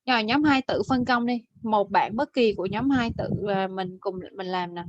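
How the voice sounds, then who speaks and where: A woman teaching an online English class over a video call, correcting pronunciation and modelling words slowly. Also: medium pitch, no echo, lo-fi sound.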